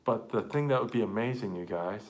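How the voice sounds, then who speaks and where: A man with a somewhat low voice live-streams an accordion repair, chatting casually and haltingly with viewers while working with his hands.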